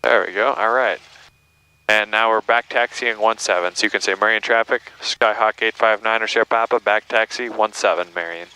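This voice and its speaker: A man with a lowish, steady voice that's bright, forceful, and smooth talks at normal speed as a flight instructor. Speaking over an aviation headset in a small plane's cockpit during flight and taxiing, he walks his student through each step encouragingly, often checking in with tag questions. The recording quality is rough.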